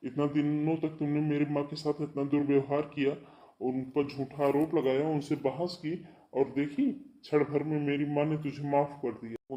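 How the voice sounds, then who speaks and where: A man's voice: on the high side, warm tone, lightly acted. A man voicing a young married son in a cartoon, who lectures his wife sternly about respecting his mother. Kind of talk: cartoon voice acting.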